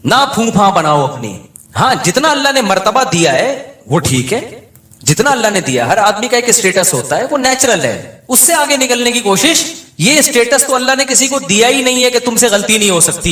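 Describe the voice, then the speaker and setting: Animated man lecturing in echoey hall. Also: sits high, normal speed. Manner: animated storytelling, acting out quoted people. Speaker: Islamic scholar giving a talk. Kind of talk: conversational religious lecture.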